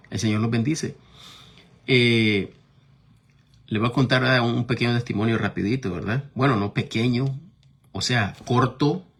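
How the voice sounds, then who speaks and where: This middle-aged man, Nicaraguan by birth and accent, preaches and tells his personal testimony in a chatty way, regularly checking in with tag questions. His voice is medium in pitch with a breathy edge.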